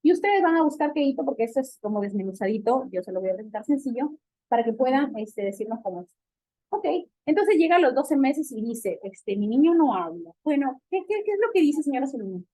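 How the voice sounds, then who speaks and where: A woman's voice: high voice, big pitch swings, fairly quick, mellow. A woman doctor with a Peruvian Spanish accent, giving a medical lecture and asking and answering her own questions. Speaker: physical medicine doctor lecturing on child development.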